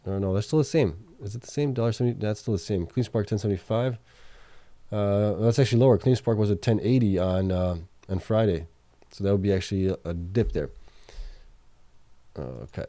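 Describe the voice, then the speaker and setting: Hosting a late-night livestream, a man with a mellow, lowish voice reads through financial results in casual chat, thinking aloud at a fairly quick pace with lots of fillers and frequent self-corrections while reading out viewers' chat questions. His voice is beginning to wear out, and the sound is dry and close with no room echo.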